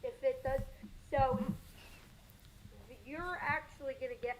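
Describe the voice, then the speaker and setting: A woman with a very high voice rambles through a casual live weather chat, piling up fillers. A faint hiss sits under her voice. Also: measured pace, low-quality recording. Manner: rambling, chatty, many fillers. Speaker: co-host of storm livestream.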